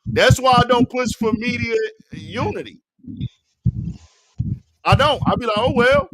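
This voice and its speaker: A man's voice: extremely high pitch, a little slow, a bit bright, dry recording, low-quality recording. A man hosting a streamed talk show, speaking bluntly in profane slang and repeating his points. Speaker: show host. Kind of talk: casual streamed commentary.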